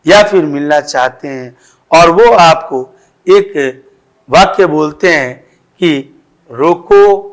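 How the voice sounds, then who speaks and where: A man with an Indian accent teaches a school grammar lesson in a fairly high voice. He speaks slowly and deliberately. He draws out each example phrase so that students can follow. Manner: slow, deliberate explaining with drawn-out example phrases.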